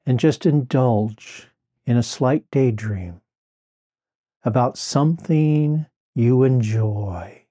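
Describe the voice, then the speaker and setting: A man slowly guiding the listener through a relaxation exercise in a soothing, drawn-out way. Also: medium pitch, warm tone. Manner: slow, soothing, drawn-out phrasing. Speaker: relaxation guide. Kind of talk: guided relaxation script.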